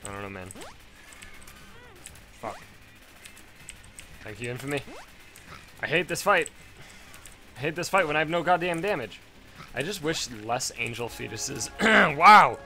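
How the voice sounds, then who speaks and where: A man's voice: mid-range voice, animated, a little slow, long pauses, pushed and bright, faint music behind. A man doing casual, crude gameplay commentary, rambling between topics, his voice strained and failing.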